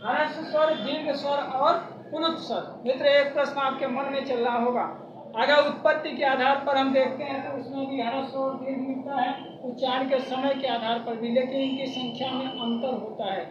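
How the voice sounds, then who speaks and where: A woman teacher giving an exam-prep lesson, repeating key terms, addressing listeners as friends and drawing out vowels slowly. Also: sits high, fairly even intonation. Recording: echoey, distant, dull, noisy.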